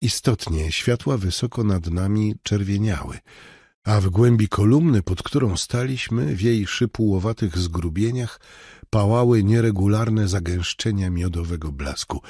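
Male narrator for an audiobook, somber and measured; slow, dry close sound. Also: fairly low pitch, a little mellow, breathy edge, no echo. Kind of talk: scripted first-person narration.

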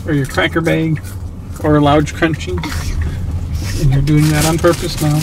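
A man hosting his own channel, narrating casually while driving, excited and chatty with lots of fillers, recorded inside a moving car on a mounted camera. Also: a little high, normal speed. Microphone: camera on a suction mount. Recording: noisy car interior. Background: car road noise.

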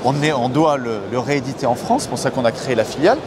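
A man in his thirties, a company director, presenting a new scooter in an interview with a confident sales pitch full of figures. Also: fast talker, over loud music. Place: busy indoor trade show hall. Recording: loud crowd noise of a trade show. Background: loud trade show crowd noise.

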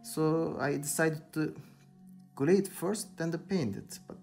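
Painting a figure at his indoor workbench, this young Turkish channel host talks casually in halting English, hunting for words and saying "you know" a lot. His accented voice sits on the high side, a little slow, gravelly and darkish, over soft background music.

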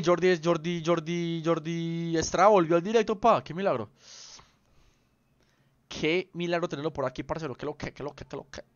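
A young streamer with a slightly high voice chats casually with viewers during a game livestream, playful, rambling and heavy on slang. The audio has no echo but sounds a bit dull and lo-fi.

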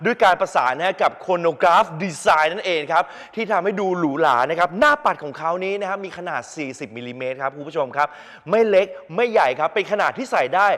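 A man's voice: sits high, a bit bright, long reverb tail. A man presenting products on a TV shopping channel, talking eagerly and constantly addressing the viewers. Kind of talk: live TV product demonstration.

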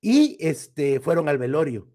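A man with a Guatemalan Spanish accent, co-hosting a casual talk show and telling spooky anecdotes in an animated way, acting out the voices. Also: a little high, a little slow. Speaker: co-host. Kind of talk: casual storytelling chat.

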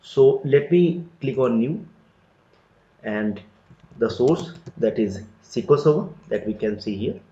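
A man giving a step-by-step screen-recorded software tutorial, explaining each click in a plain, methodical way. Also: medium pitch, expressive, unhurried. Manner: step-by-step, plain explanatory delivery with frequent "so" and "let me". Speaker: tutorial instructor. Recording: roomy, dull lo-fi recording.

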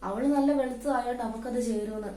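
A woman with a Kannur Malayalam accent playing a scheming mother-in-law who speaks in slow, hushed, confiding gossip in a family comedy skit. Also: fairly high pitch, steady tone, reverberant, natural voice. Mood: sly, confiding. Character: scheming mother-in-law stirring up her daughters-in-law.

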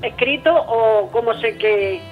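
A woman's voice: fairly high pitch, takes it slowly. A woman calling in over a landline phone to a live psychic show, hesitant and answering in short repeated agreements. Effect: heard over a landline phone line. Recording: narrow tinny phone line with faint music.

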